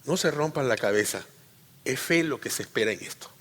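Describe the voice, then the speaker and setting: A man preaches to his congregation with a bright, forceful voice that rings out in a reverberant church hall. He teaches by repeating key phrases and putting questions to his listeners. His delivery swings from loud, emphatic peaks to quieter asides. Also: medium pitch, expressive, a little fast, slightly rough. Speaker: pastor. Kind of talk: sermon.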